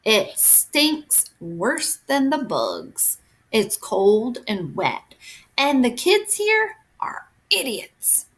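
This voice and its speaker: A woman voicing a playful boy who jokes in a creepy, croaky voice, in a storybook read-aloud. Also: a little high, huge pitch swings, extremely slow, fairly bright tone, pitched above the performer's own voice, exaggerated voice. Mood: chatty. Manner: teasing. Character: joking boy, the hero's playful best friend.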